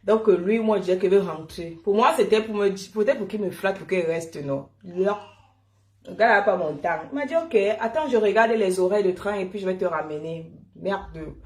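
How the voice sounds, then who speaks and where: A woman from Cameroon tells a personal story in a lively, chatty way, often laughing and calling her listeners "mon frère". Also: medium pitch, normal speed, roomy sound.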